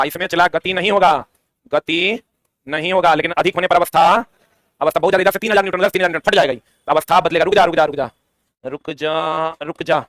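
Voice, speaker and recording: Male exam tutor, very fast, high and bright, dry close sound, quizzes nonstop. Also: no room sound. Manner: rapid drilling with repeated questions and answers. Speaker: teacher. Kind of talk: exam-prep science lesson.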